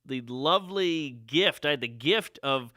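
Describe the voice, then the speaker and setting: A man co-hosting a comedy podcast, telling stories in casual chat and slipping into quick voices for the people he quotes. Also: fairly high pitch, no room sound, studio quality. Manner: animated storyteller, does quick voices in quotes.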